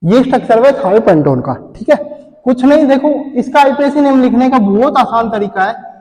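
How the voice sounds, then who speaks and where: A man's voice: extremely high pitch, lively intonation, moderate pace, darkish tone, long reverb tail, rough recording. A man teaching pharmacy in a lecture, repeatedly asking questions and answering them himself while drawing on a board. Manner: repetitive quizzing, asks then answers himself. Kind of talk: classroom lecture.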